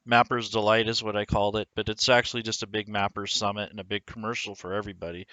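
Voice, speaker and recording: A man's voice: lowish voice, pushed and bright, smooth, no echo. A man hosting an online interview, friendly and hesitant, with frequent ums while he asks questions. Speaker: host.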